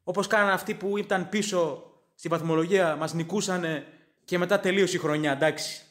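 A man with a notably high voice hosts a football podcast in casual chat, reading listener comments and tossing in sarcastic, opinionated asides. His first language is English. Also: steady tone, fairly bright tone. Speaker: podcast host.

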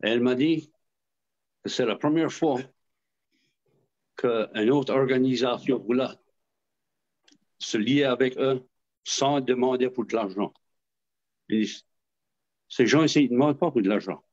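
An Acadian man of medium pitch tells stories in a casual interview, stumbling over and repeating his words and chuckling now and then. His voice comes through a slightly muffled, lo-fi recording. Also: measured pace, pauses often, a little mellow. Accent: Acadian French. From southwest Nova Scotia. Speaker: interviewee, association representative.

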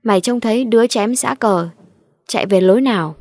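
A woman's voice: a little high, brisk, darkish tone, no room sound, studio quality. Woman doing a stern, demanding village official man. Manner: gruff, demanding questions.

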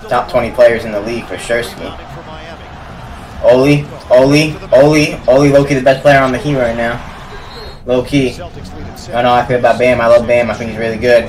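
A young man casually reacting to basketball highlights, talking to the players on screen in slangy chat and yelling at big plays. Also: recorded from a distance, poor audio. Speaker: sports reaction YouTuber. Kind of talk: live reaction commentary.

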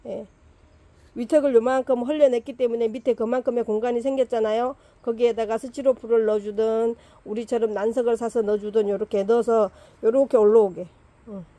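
Woman, middle-aged, plant farm owner, chatty and repetitive, casual lesson, fairly high pitch. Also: steady tone, brisk, dark tone, dry recording. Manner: chatty, repeats points, talks to plants.

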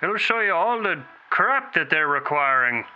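A man's voice: a little high, sing-song, moderate pace, lo-fi sound, a little hiss or hum. A man voicing a scheming raccoon shopkeeper and landlord in a lightly raised, mock-polite voice. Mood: sly.

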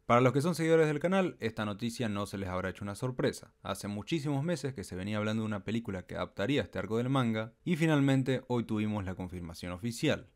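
Fast-talking male anime news narrator. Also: on the low side, lively intonation. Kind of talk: scripted news commentary.

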